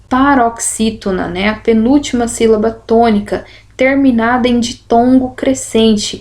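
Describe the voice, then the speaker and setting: A woman teacher with a slow, didactic way of talking, going through exercises in a lesson and stretching out syllables to make her points. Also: on the high side, a little mellow. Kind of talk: explanatory lesson, correcting exercises.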